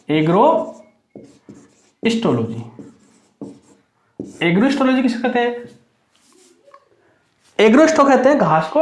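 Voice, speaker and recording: A man teaching an exam-prep lesson, drilling students with repeated questions that rise and answers that drop low. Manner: asks high and answers low. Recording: echoey room.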